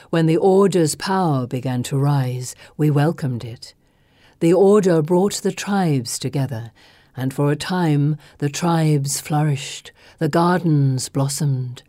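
An ancient, snake-haired female creature speaks in a low, dark voice, slow and grave as she recalls the past, put on by a woman reading a storybook aloud. The sound is close and dry. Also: no room sound. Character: ancient sorrowful female serpent-haired creature, the last of her kind.

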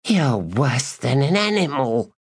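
A man voicing a playful noblewoman in bed with a husky, whispering voice. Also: mid-range voice, big pitch swings, slow, no echo, clean studio sound, pitched above the performer's own voice, full character voice. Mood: coy, breathy.

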